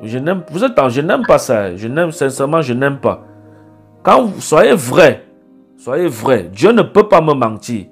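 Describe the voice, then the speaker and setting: A man's voice: medium pitch, sing-song, measured pace, breathy edge, soft background music. A man acting as a prophet in a call-in consultation, scolding the caller insistently and repeating himself.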